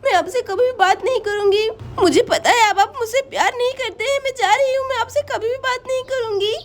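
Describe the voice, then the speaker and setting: A sulky young wife in a doll story pleads and whines in a very high, thin voice, as a woman voices her. Her tearful begging runs through every line. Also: a little fast.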